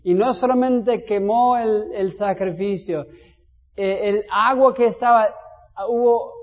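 A man's voice: sits high, a little slow. A man preaching a sermon, telling the story vividly and putting direct questions to his listeners. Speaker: pastor. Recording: dull sound in long reverb.

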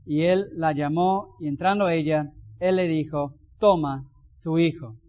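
Pastor guy reading the bible then chatting about it, kinda high voice, muffled lo-fi audio. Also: a little slow, darkish tone. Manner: reads scripture aloud, then comments with folksy asides. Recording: dull lo-fi sound.

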